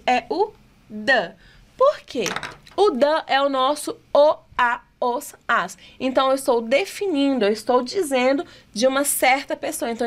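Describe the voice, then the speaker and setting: An English teacher with a Brazilian Portuguese accent walks through exam questions in a test-prep lesson. Her voice is high-pitched and a bit bright; she poses rhetorical questions and reads the English items slowly and deliberately.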